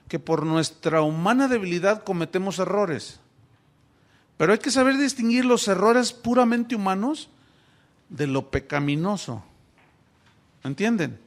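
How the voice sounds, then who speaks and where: A middle-aged pastor from Mexico preaching a sermon, asking his congregation rhetorical questions. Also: sits high.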